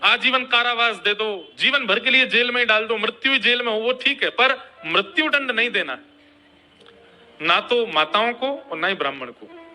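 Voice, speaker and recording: Bright-voiced man telling a devotional story. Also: extremely high pitch, moderate pace. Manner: dramatic, chants verses.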